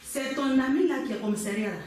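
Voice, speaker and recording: An actress playing an excitable Ivorian wife, echoey. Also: female voice, high-pitched, slight background noise, close to an everyday voice. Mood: pleading. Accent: Ivorian French. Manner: insistent, loud and quick to protest. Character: pushy, excitable grown woman, lively and demanding. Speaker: wife brought to the police station. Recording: echoey room, distant mic, faint ambience.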